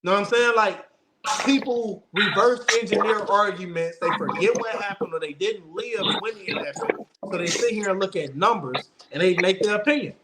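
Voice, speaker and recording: A man's voice: sits high, normal speed, a loud crowd, poor audio. A man hosting a casual basketball debate show, giving opinions emphatically and insistently, repeating phrases for stress. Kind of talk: opinionated casual sports talk.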